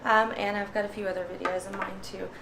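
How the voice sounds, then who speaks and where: A woman's voice: mid-range voice, little pitch movement, gravelly, background noise. Winded woman chatting through a how-to. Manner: chatty, many ums, pauses while pumping. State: out of breath. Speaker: vlogger. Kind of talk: casual how-to demonstration.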